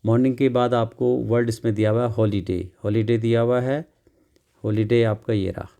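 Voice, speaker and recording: A man teaches English from a children's workbook, his voice gravelly at a middle pitch. He explains slowly and repeats each word. He poses questions to his students and then answers them himself. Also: steady tone, dark tone. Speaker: English tutor. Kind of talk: classroom lesson explaining a workbook.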